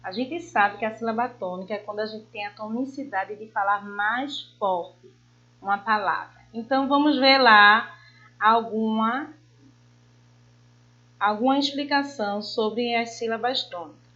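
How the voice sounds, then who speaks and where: A woman teacher giving an online lesson to children, affectionate, stretching out example words slowly. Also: on the high side, bright, forceful tone. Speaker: primary school teacher. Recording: dull lo-fi home recording.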